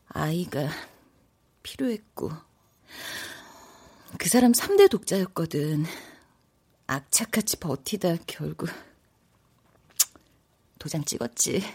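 A hurt, reserved divorced woman in a radio play. Her voice is breathy and slow, with wide pitch movement. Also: full character voice. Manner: quiet, hesitant. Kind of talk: radio drama acting.

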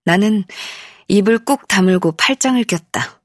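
A woman narrating a first-person literary audiobook in a measured, expressive way, in a studio. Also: medium pitch, no room sound. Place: recording studio. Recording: dry studio.

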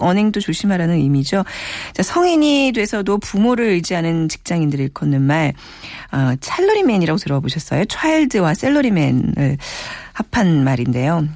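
A woman's voice: on the low side, a little mellow, dry recording, clean studio sound. A woman from South Korea hosting a radio talk show in a polished, conversational announcer style.

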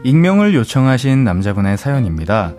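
A man co-hosting a radio talk show who chats and reads out listener letters. His delivery is animated, with a pitch that rises and falls a lot. Soft music plays faintly underneath. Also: fairly quick. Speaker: radio co-host. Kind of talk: casual talk and story reading.

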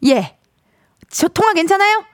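A woman hosts a radio call-in from a dry, close studio mic. Her voice is very high and lively, swooping up and down. She reacts to her caller in a bubbly way, with gasps and bursts of laughter. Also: unhurried, no echo. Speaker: radio host.

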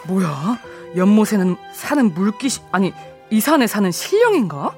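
A woman's voice: mid-range voice, sing-song, moderate pace, a little mellow, faint music behind. A woman voicing an honest, timid young male woodcutter who speaks politely and stammers. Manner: polite, stammering, old-fashioned formal speech.

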